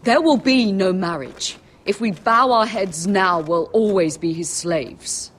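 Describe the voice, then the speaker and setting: A woman's voice: medium pitch, a little slow, close to an everyday voice. An actress playing a stern, wary middle-aged noble mother in a dramatic video game, grave and firm. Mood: firm refusal.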